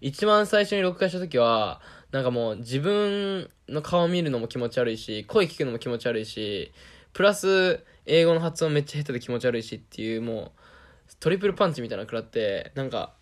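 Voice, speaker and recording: A young man with a Kansai Japanese accent, talking in a casual, self-deprecating monologue and laughing often. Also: mid-range voice.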